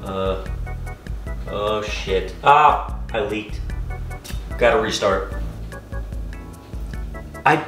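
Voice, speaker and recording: A man's voice: fairly low pitch, very slow, long pauses, a bit bright. A young man vlogging while he cooks in his home kitchen, joking, swearing and talking to his viewers. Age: young adult. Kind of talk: casual cooking vlog. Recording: echoey kitchen with background music.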